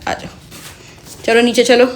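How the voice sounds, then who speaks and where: A woman's voice: on the high side, monotone, a little slow, slight background noise. A woman filming a home vlog on her phone, talking to her parrots in a sing-song voice that turns from scolding to cooing. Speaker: pet vlogger. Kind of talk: casual vlog narration. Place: indoors at home. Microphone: phone held in hand.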